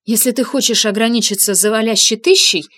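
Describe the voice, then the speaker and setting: A woman's voice: a little high, quick pace, fairly bright tone. A woman voicing a cunning, stubborn young woman in an audiobook, arguing slyly. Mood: argumentative. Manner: sly, argumentative. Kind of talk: audiobook character reading.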